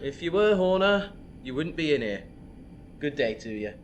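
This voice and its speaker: A man's voice: a little high, big pitch swings, normal speed, pitched below the performer's own voice. An actor playing a sneering, cruel male prison guard who taunts his prisoner. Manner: mocking, gloating, taunting. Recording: faint background noise.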